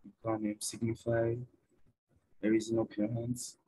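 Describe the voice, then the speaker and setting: A man moderating an online workshop session over a call, speaking slowly. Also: medium pitch, monotone, mellow, husky, low-quality recording. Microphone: video call.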